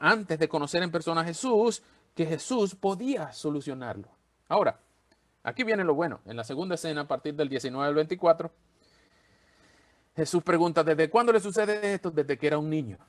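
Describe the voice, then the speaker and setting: A man preaching a sermon as pastor, expressive and acting out the voices he quotes. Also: a little high.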